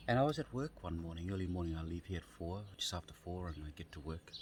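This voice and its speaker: Deep-voiced man telling his story outdoors. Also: lively intonation, slight background noise. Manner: halting, repeats and restarts phrases. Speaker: vlogger. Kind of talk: casual personal storytelling. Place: outdoors on grass.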